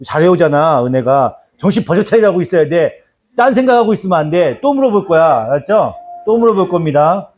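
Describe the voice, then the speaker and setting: A man's voice: fairly high pitch, big pitch swings, brisk, a little mellow. A man teaching a church Bible lesson, repeating key phrases and calling on listeners by name to answer. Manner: repetitive, drills answers and calls on people by name. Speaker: pastor teaching doctrine. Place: small church.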